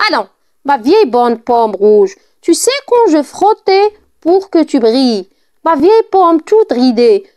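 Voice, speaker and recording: A woman reading aloud in the part of a young princess, answering quietly and gently. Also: sits high. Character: young princess, calm and stubborn.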